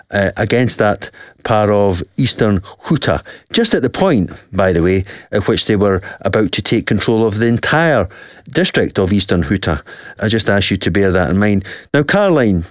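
A man's voice: on the low side, dry recording, studio quality. A man hosting a radio interview show, talking earnestly and with emphasis. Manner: earnest, emphatic, reads quotes aloud slowly. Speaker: talk show host.

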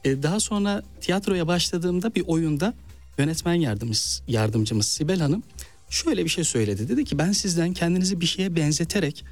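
A man from Malatya in eastern Turkey, novelist and actor, tells stories in an interview with an eastern Turkish accent, animatedly acting out quoted speech. His pitch is fairly high, his pace fairly quick, and faint music runs behind.

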